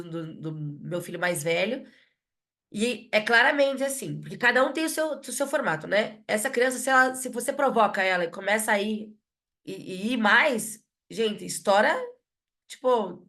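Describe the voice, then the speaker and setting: A woman with a somewhat high-pitched voice speaks in a relaxed podcast conversation. She is a psychologist and a mother, and she reasons out loud. She circles back on her words and keeps checking in with quick tag questions. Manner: reflective, frequent tag questions and restarts.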